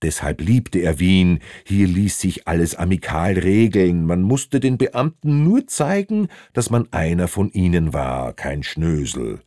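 A man narrates a novel in a very deep voice. His melody moves a lot and his delivery is wry. The recording is dry and close, with no room sound. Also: expressive, unhurried, few pauses, warm tone, no echo. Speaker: audiobook narrator. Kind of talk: scripted narration.

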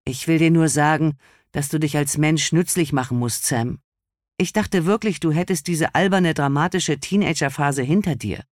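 A stern, worried mother speaking to her daughter in a firm, insistent tone, as a man reads her out. The voice sits somewhat high and the recording is dry and close. It is a storybook reading. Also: moderate pace, no room sound, natural voice. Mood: scolding.

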